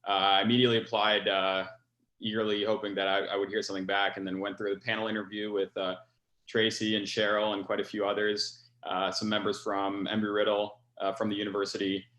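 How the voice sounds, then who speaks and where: A man's voice: lowish voice, completely flat delivery, a little fast, fairly bright tone, reverberant. A young man in his twenties, a pilot, answering interview questions earnestly with many fillers. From France. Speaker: scholarship recipient, pilot.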